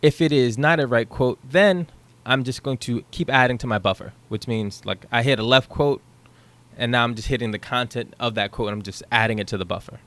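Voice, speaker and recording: This programming tutor is a young man whose mid-range voice is fairly bright and a little fast. Thinking aloud with an occasional um and a questioning "right?", he casually walks through his code in a screen share, using a headset in a small room at home.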